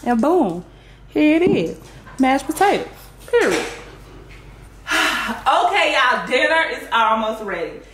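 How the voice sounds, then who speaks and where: This thirties-something cooking vlogger speaks in a high, sing-song voice, taking her time with long pauses. She's chatty and playful in her home kitchen, tossing out exclamations and addressing everyone as y'all. The audio is roomy and noisy, captured by a far-off camera on a tripod.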